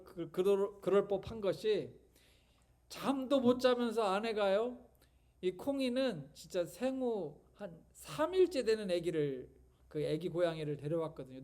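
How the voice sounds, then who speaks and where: High-voiced man preaching a sermon. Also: darkish tone. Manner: conversational storytelling sermon with rhetorical questions. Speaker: pastor.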